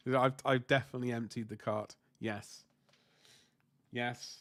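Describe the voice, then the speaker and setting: A man with flu, his nose stuffy and throat sore, paints miniatures on a livestream and casually answers viewers. His mid-range voice is a bit bright, steady in tone, and a little slow. He rambles, fixes his own wording as he goes, and swears mildly.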